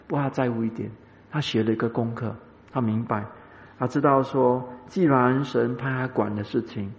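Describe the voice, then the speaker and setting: Male pastor preaching, gravelly voice, echoey church hall, dull lo-fi recording. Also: mid-range voice, darkish tone. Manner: storytelling, addresses congregation directly with many filler "ah"s. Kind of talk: sermon.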